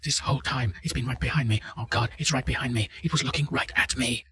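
A man's voice: on the low side, normal speed, breathy edge, voice pushed up. A man voicing a terrified young woman test subject who pleads and panics. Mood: hysterical pleading.

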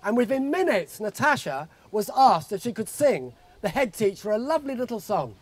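Holding a handheld microphone close, a man in his sixties reads a jokey, anecdotal father-of-the-bride speech from notes at an outdoor garden wedding reception. His high voice has big pitch swings, his speed is normal, and the recording is dry.

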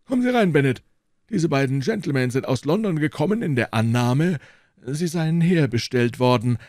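A shrill, screeching old professor, suspicious and menacing, as an audiobook narrator puts him on. The voice is pitched far above the reader's own and has a lively, jumpy swing. It is recorded dry and close. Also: male voice, moderate pace, dry recording, close to an everyday voice. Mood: furious. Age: older. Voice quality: high screeching voice. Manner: sharp, agitated, menacing.

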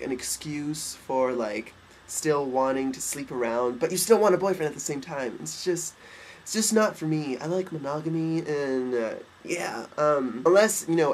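A young man's fairly high, stuffed, nasal voice comes through a desk webcam in his bedroom as he vlogs casually. The recording is rough with a little hiss or hum, and his manner is campy and cheeky, with quick asides.

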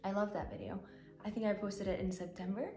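A woman's voice: medium pitch, fairly even intonation, fairly quick, dark tone, faint music behind. A young woman, a non-native English speaker sick with a blocked nose, chats candidly and casually in a congested, slightly shaky voice. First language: not native English speaker. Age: young adult. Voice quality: congested, stuffy-nosed. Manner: candid, informal, swearing. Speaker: vlogger. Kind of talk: casual personal vlog chat. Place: small bare bedroom, indoors, sitting on a bed. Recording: echoey room.

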